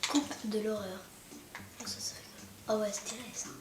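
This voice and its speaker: A woman's voice: medium pitch, moderate pace, distant mic. A woman hosting a gaming video with casual, chatty commentary on her play. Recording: echoey room, off mic, noisy, clicks.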